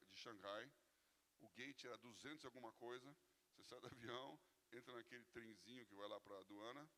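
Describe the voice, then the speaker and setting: A Brazilian-accented male pastor with a gravelly, creaky voice, talking to his congregation. He preaches conversationally and tucks in little "né?" checks as he tells stories. His voice rings out with a long hall reverb. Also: mid-range voice, pushed and bright. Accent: Brazilian Portuguese. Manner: conversational storytelling, frequent "né?" tags. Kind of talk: sermon with personal anecdotes. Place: church hall.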